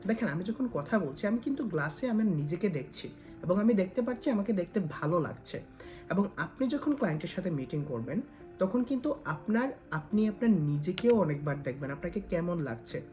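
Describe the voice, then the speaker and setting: A man's voice: a little high, a little mellow. A man giving casual advice straight to the viewer, dropping English phrases into his talk. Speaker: freelancer giving career advice. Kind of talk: direct-to-camera advice talk.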